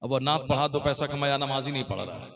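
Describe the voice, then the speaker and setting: A man's voice: mid-range voice, quick pace, creaky. A man preaching a sermon at a public gathering, in words, asking the listeners questions and driving points home repeated lists. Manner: rhetorical questions to the crowd, repetitive emphatic lists. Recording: live crowd audible behind the voice.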